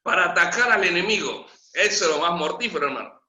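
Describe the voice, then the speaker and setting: A man with an Argentine Spanish accent preaching a storytelling sermon in a church, lively and humorous, acting out the story with quoted voices. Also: high-pitched, fast talker. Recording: echoey church hall, dull lo-fi.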